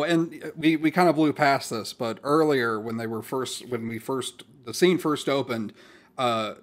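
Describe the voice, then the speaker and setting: Rambling man recapping a sitcom. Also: mid-range voice. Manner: rambling, many restarts and quoted lines. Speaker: podcast co-host. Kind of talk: casual chat recapping a sitcom episode.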